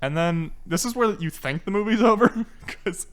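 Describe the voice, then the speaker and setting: A man's voice: high voice, expressive, moderate pace. A man in a casual podcast chat, animatedly retelling a movie plot and laughing often. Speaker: podcast co-host.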